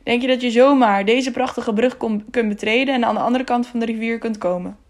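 A woman's voice: a little high, steady tone, fairly quick, darkish tone, lightly acted. A woman doing a stern toll guard. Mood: officious. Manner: officious, indignant, lecturing. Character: bridge toll guard, stern middle-aged man.

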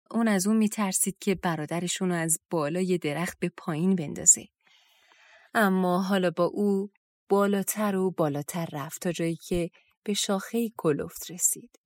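Woman reading a fairy tale audiobook, calm and steady, dry close mic, lowish voice. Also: dry recording. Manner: calm, even storytelling in colloquial Persian. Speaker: audiobook narrator. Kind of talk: storybook narration.

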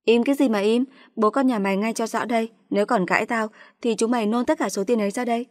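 A woman voicing a brash, abusive young daughter-in-law who sneers and shouts insults. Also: mid-range voice, fairly even intonation, quick pace, no room sound, studio quality, close to an everyday voice. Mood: sneering.

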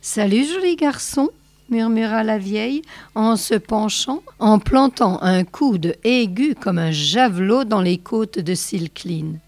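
A woman reading a short story aloud in a slow, measured way on a close mic. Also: medium pitch, darkish tone, no room sound. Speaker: reader.

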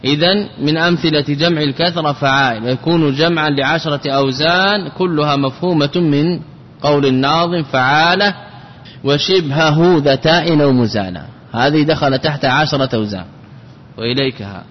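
A man's voice: fairly high pitch, normal speed, in a large hall, dull audio, slight background noise. A man, a sheikh, teaching an Arabic grammar lesson, repeating word forms and checking his students with questions.

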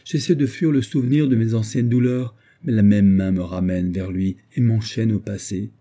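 A man's voice: fairly even intonation, moderate pace, warm tone, lightly acted. A man voicing an anguished young widower, haunted by his dead wife and pleading emotionally. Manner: pleading, emotional, rising in pitch.

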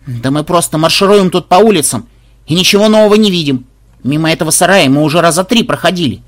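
A man's voice: a little high, fast, close to an everyday voice. A man voicing a timid, impatient young girl with a whiny, anxious way of talking, in an audiobook. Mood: bored.

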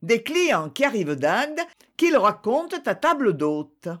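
A reader voicing a hotel maid who speaks low with feigned indifference, in an audiobook. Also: sing-song, unhurried, a bit bright. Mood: offhand. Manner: low, offhand.

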